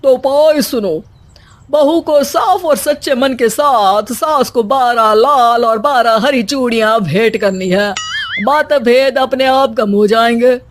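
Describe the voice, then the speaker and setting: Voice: medium pitch, slow, slight background noise, lightly acted. A performer with an Indian accent voicing a pompous fake holy man who hands out remedies in a family story.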